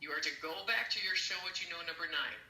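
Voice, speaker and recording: A man teaching an interpreting class online, animated and emphatic, acting out examples as he explains. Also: fairly high pitch, quick pace, reverberant, poor audio. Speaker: interpreting instructor.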